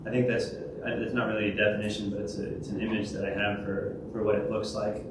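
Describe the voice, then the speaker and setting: Here a conference presenter with a lowish, fairly flat voice talks fast through his talk and the Q&A that follows. He stumbles often, restarting sentences and leaning on fillers. It was recorded at a distance in a large, echoing event hall with plenty of noise.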